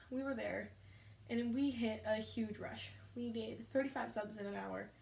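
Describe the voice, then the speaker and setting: A young woman casually telling rambling stories about her work, often correcting herself as she goes. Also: fairly high pitch. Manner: rambling, chatty, self-correcting. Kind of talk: casual storytime chat. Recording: echoey room.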